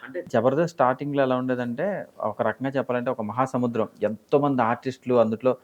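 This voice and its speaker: A man's voice: medium pitch, quick pace. A man hosting a studio interview, greeting viewers and asking polite questions. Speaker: interview host. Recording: dull lo-fi studio audio.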